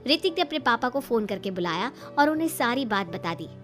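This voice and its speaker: A woman narrates a cartoon story with an even, scripted delivery. Her voice sits high. Faint music plays beneath her. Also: brisk.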